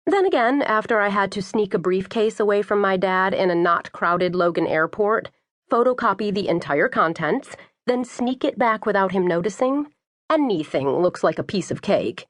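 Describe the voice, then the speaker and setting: A woman reading a first-person audiobook narration in a wry, brisk storytelling manner. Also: mid-range voice, animated, no echo.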